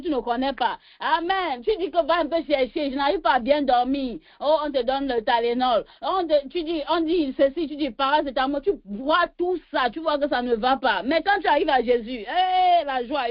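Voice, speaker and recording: A woman leading a prayer meeting, preaching fervently in call-and-response and breaking into slow chanted praise refrains. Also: high-pitched, no room sound. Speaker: prayer leader. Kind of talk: sermon with sung praise. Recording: dull lo-fi sound.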